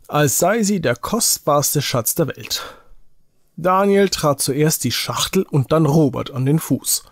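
A man reading an Advent story for small children aloud, slowly and with care, in a home recording. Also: on the high side, dry recording, studio quality.

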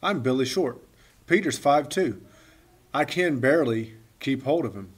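A man's voice: medium pitch, lively intonation, unhurried, breathy edge. A man voicing a worried Scottish boy. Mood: earnest. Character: anxious nine-year-old Scottish boy.

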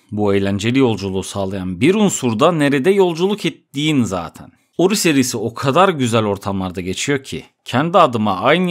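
A man with a Turkish accent narrating a scripted video game review in a casual tone, with slangy asides. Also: medium pitch. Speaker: gaming video host.

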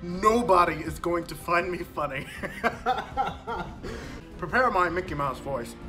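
A man's voice: high voice, lively intonation, takes it slowly, sharp tone, faint music behind. A man talking casually for a gaming vlog, nervous, self-conscious and giggly. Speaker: YouTuber.

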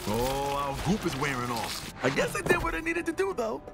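A man's voice: on the high side, normal speed, creaky, exaggerated voice. A man voicing a cocky, brash, foul-mouthed male talking alien gun in a video game. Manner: boastful, foul-mouthed, excitable. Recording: game audio under music.

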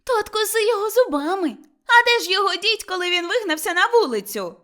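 A woman's voice: very high voice, sing-song, fast, bright, forceful tone, pitched above the performer's own voice, heavily acted. A woman voicing a pert young village wife who answers back sharply. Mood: pert retort.

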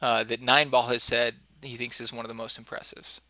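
A man co-hosting a podcast, chatting casually about listener-sent game items in a relaxed way. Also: medium pitch, brisk. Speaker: podcast co-host. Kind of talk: casual gaming chat.

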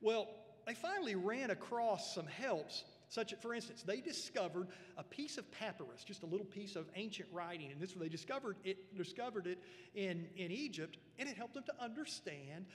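High-voiced pastor preaching in a reverberant church. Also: male voice, lively intonation, moderate pace. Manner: earnest emphatic preaching with repeated words. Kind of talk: sermon. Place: church sanctuary. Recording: long church hall reverb.

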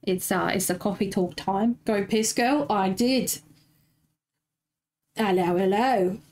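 A woman's voice: mid-range voice, takes it slowly, darkish tone. A woman streaming a game, chatting affectionately and playfully with her viewers. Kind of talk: casual live-stream chat. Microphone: desk mic.

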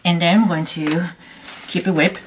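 A woman hosting a casual home cooking demonstration in her kitchen, talking in a halting, loose way with frequent restarts. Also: lowish voice, fairly even intonation, heavy background noise. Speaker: home cooking show host.

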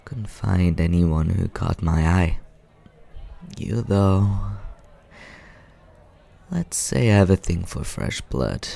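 Man playing Scaramouche, a deep, creaky, suave vampire. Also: heavily acted. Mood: flirtatious, teasing. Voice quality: low, creaky, soft. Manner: unhurried, smooth-mannered, teasing. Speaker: ASMR roleplay performer. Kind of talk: soft ASMR roleplay, addressing the listener.

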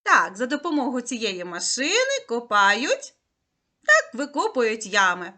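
A woman teaching a lesson to small children in a slow, coaxing, sing-song way. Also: on the high side, wildly swooping pitch, bright, forceful tone. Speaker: preschool teacher.

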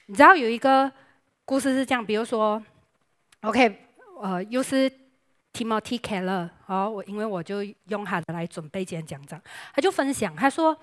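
A young woman preaching a lively sermon with jokes, chatty and playful, dropping English words into her talk. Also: mid-range voice, moderate pace.

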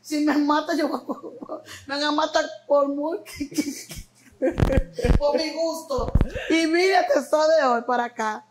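High-voiced Dominican woman telling stories. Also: moderate pace, slight background noise, low-quality recording. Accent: Dominican Spanish. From Dominican Republic. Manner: laughing, expressive, acts out quotes. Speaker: interview guest. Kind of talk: animated storytelling chat.

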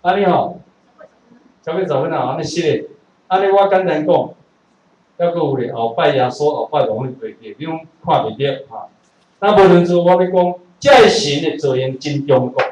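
A man from Taiwan with a Taiwanese accent, giving a classroom lecture in an animated way, with rhetorical questions and joking asides. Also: on the high side, slight background noise. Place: lecture room. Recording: echoey room from a distance.

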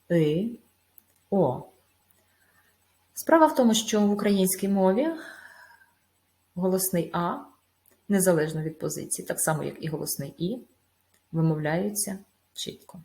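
A woman teacher giving a recorded video lesson. She explains step by step in a measured way, with small hesitations. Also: sits low, darkish tone. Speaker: school teacher.

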